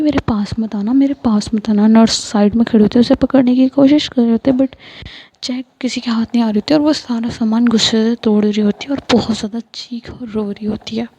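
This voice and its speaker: A woman's voice: a little high, dark tone, slightly rough, no room sound. A woman with an Indian Hindi accent, narrating a love story in a loose, casual way with many fillers.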